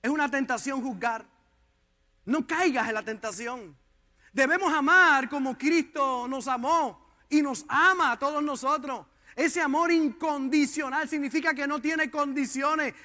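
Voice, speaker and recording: Male pastor with a very high, sharp voice, impassioned sermon in a church. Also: unhurried. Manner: impassioned preaching, addressing the congregation directly.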